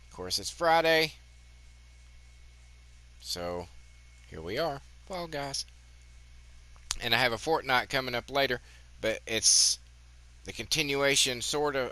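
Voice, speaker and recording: A man in his fifties runs his gaming channel, his medium-pitched, sharp voice slightly muffled by a cigarette. His commentary is casual and rambling, full of profanity and chatty asides.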